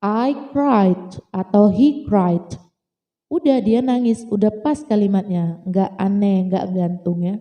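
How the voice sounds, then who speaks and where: Slow, dark-voiced woman teaching. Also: a little high, long reverb tail, muffled recording. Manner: patient, repeats and checks understanding. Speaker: English teacher. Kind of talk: casual lesson explaining grammar.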